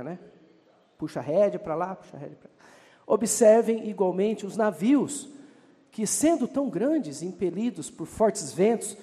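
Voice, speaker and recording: Brazilian preacher guy, high lively voice, swoops all over, fired up, church hall reverb. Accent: Brazilian Portuguese. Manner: fervent, calls out to the congregation. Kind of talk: sermon with Bible reading.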